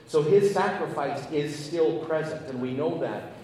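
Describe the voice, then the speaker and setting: Pastor preaching in an echoey church. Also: male voice, fairly high pitch, measured pace, mellow, a little hiss or hum. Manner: earnest, acts out dialogue with emphatic rises. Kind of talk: sermon storytelling. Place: large church. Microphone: handheld mic. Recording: echoey church hall, distant mic.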